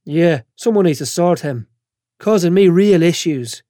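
A man's voice: a little high, lively intonation, unhurried, dark tone, no echo, studio quality. A man voicing a surly young thug, answering in short blunt lines. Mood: curt. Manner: blunt, curt.

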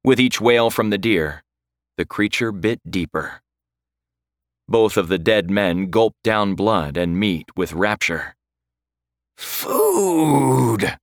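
A man reading a horror story aloud in slow, dramatic scripted narration. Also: low voice, no room sound, studio quality.

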